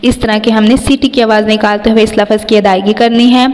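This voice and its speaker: A woman with a Pakistani Urdu accent gives a patient tajweed lesson with a fairly high voice. She pronounces each letter slowly and at length, then explains it in an even, level tone. The voice carries a long reverb, as in a hall. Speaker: Quran reading teacher. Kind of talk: slow instructional tajweed lesson.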